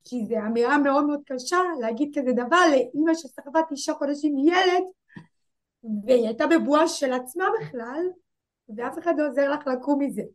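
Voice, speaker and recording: A woman in her twenties telling a painful personal story as an interview guest, halting and repeating herself. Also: sits high. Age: 20s. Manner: halting, repeats herself, voices rise and fall with emotion.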